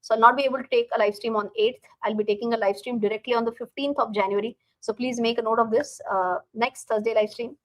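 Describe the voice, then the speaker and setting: Higher-pitched Indian-accented woman hosting a live stream. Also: fairly even intonation, fast talker, few pauses, no echo, poor audio. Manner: repeats phrases, addresses viewers directly. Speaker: live stream host and finance teacher. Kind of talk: casual live stream talk to viewers.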